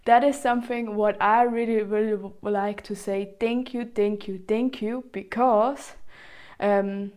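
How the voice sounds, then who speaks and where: A woman from Switzerland with a Swiss German accent hosts a chatty solo podcast in halting, non-native English, often repeating herself. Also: medium pitch, steady tone, a little mellow, clear, resonant tone. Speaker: podcast host.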